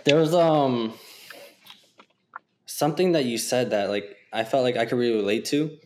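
A man's voice: medium pitch, normal speed, darkish tone, a little hiss or hum. A man hosts a casual podcast interview in a plain mid-range voice. He speaks earnestly and reflectively, sprinkling in "like" as he talks. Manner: earnest, reflective, uses "like" often. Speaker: podcast host.

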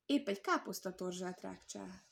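A crafty storybook hawk with a high, shrill cry, forever playing innocent and squawking his protests, put on by a woman reading aloud. His voice jumps up sharply and loudly. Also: creaky. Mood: eager.

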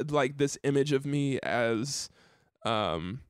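A young man who is a musician, countertenor singer and podcast host chats casually in a medium-pitched, expressive, clear and resonant voice at a slow pace. He rambles, laughs often, and fills his talk with "likes" and restarts, recorded dry at studio quality.

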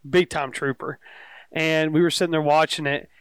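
Laid-back young man, smooth dry voice. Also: on the high side, steady tone, moderate pace, no room sound. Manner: laid-back, jokey, rambling storyteller. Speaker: podcast co-host. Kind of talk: casual sports chat.

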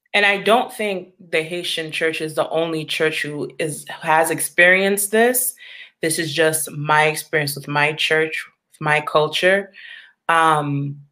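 A woman's voice: low voice, fairly bright tone. A woman from Long Island, New York, speaking candidly and reflectively as an interview guest, laughing easily.

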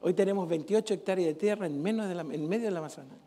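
A middle-aged Argentine pastor preaching to his congregation in an unusually high, gravelly voice. He tells funny stories and acts out the dialogue, then builds into fervent calls to his listeners. Faint music plays softly behind him. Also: quick pace. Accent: Argentine Spanish. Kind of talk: storytelling sermon.

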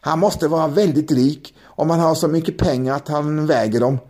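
A man's voice: medium pitch, mellow, slightly rough, lightly acted. A man voicing a sly, suspicious rich woman who angrily scolds her husband in a spoken storybook. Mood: angry. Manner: angry, accusing. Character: sharp-tongued suspicious rich woman, Bahar.

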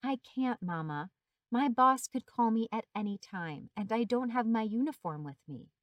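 A woman's voice: on the high side, animated, moderate pace, dry recording, close to an everyday voice. A woman voicing an exhausted nurse and mother who stays weary but firm.

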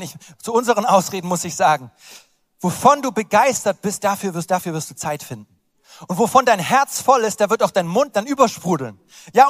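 A man's voice: sits high, fairly bright tone, no room sound, studio quality, long reverb tail. A man preaching a sermon, urging and encouraging his congregation in an earnest, direct way. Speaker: pastor.

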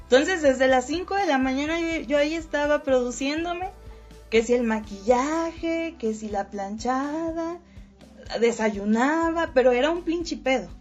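A woman's voice: high voice, a little slow. A young Mexican woman hosting a podcast, chatting casually in crude slang and laughing often. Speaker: podcast host. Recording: dull lo-fi audio with faint music.

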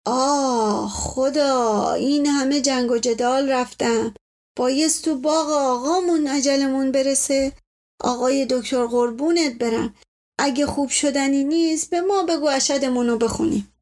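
A woman's voice: sits high, hardly any pauses, fairly bright tone. A woman voicing a groaning old servant man. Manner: moaning, self-pitying, rustic speech.

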